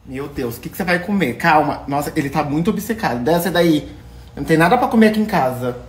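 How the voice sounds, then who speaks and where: A young Brazilian man, chatting on casual phone stories and coaxing a pet in a sweet, expressive voice, indoors at home. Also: on the high side, quick pace. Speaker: influencer. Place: indoors at home, apartment rooms. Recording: echoey room.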